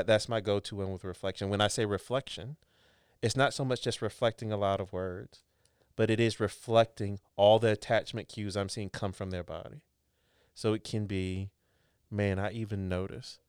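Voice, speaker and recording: A man with a lowish, smooth and resonant voice talks through his therapy work in an earnest, reflective way, often restarting a thought as he builds it. The sound is close and dry, with no room behind it. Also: dry recording. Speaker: podcast co-host, couples therapist. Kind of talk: casual professional discussion.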